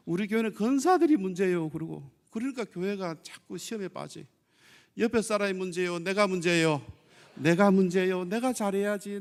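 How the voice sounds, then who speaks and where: A middle-aged male pastor delivering a sermon with a high, raised voice. His tone is gravelly and rough. He keeps asking the congregation questions and acts out quarrels between spouses. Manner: acts out scolding and sweet-talking spouses in quoted dialogue.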